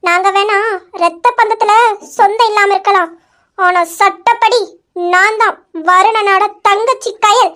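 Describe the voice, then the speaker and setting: A woman's voice: very high-pitched, steady tone, measured pace, fairly bright tone. A woman voicing a fiery young woman who indignantly defends her brother in an amateur audio drama. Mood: angry. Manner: indignant, demanding, repeats questions.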